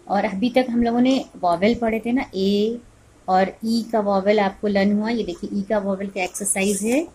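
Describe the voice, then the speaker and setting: A woman teaches small children an online phonics lesson, spelling words letter by letter, then saying them slowly, and asking questions she answers herself. Her mid-range voice is a little mellow, with a bit of hiss or hum in the audio.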